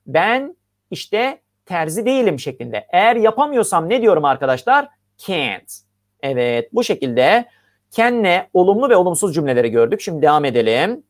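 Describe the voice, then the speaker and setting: An English teacher giving an online grammar lesson over slides, reading each example slowly and then translating it, and asking the class questions as they explain step by step. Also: mid-range voice.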